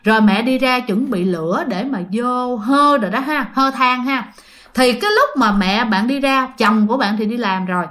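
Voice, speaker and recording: A woman's voice: on the high side, animated, normal speed, fairly bright tone. A woman telling a ghost story in a chatty way, talking straight to her listeners. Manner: chatty, addresses listeners directly. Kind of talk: casual horror storytelling.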